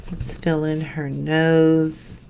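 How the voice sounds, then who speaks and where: A woman hosting a live painting tutorial, chatting with viewers and trailing off into quiet mutters as she concentrates. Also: deep voice, little pitch movement, extremely slow, vocal fry, slight background noise. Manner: chatty, answers viewer comments while painting; drifts into soft mutters when concentrating. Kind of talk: live painting demo, casual chat.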